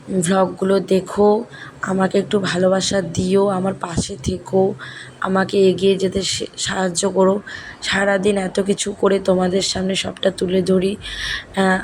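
A young woman with a hoarse voice, chatting softly to her viewers in a casual vlog voice-over recorded at home. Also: medium pitch, a little hiss or hum. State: hoarse, sore throat. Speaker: family vlogger. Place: home at night, voice-over while editing.

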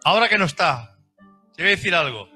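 A man's voice: high-pitched, lively intonation, quick pace, pushed and bright, breathy edge, soft background music. A middle-aged man, preaching a sermon as pastor in an emphatic, repetitive way with homely examples.

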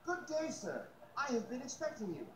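A courteous male concierge from a video game, speaking with a British accent and a lively, bouncing pitch. His manner is formal and eager to please. The audio sounds roomy and echoey. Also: normal speed, a crowd in the background, exaggerated voice. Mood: eager, polite.

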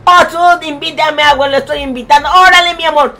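A woman's voice: sits high, steady tone, brisk, sharp tone. A woman with a Mexican accent, streaming a game live and fondly greeting viewers in chat. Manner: affectionate, calls viewers "my love", sings snatches.

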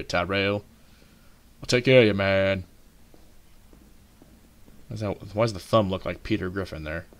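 A man hosting a gaming channel, talking over his playthrough with a lower voice. He is sarcastic and profane, mocking the characters and enemies as he goes. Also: a bit bright. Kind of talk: let's play commentary.

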